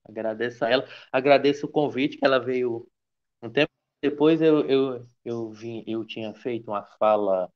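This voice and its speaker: A man's voice: medium pitch, moderate pace. A man from Ceará, giving an online academic lecture in a hesitant way, with many restarts. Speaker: guest lecturer. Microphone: video call. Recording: dull lo-fi video call audio.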